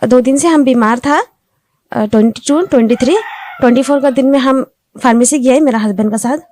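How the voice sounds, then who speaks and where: A young woman tells her account in simple, repetitive Hindi, her voice set high. She grows agitated and insistent. The sound is dry and close. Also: a little fast, darkish tone, dry recording. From Assam. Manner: speaks Hindi with non-standard grammar, repeats "ऐसे बोला". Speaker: complainant interviewed. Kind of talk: recounting events to reporters.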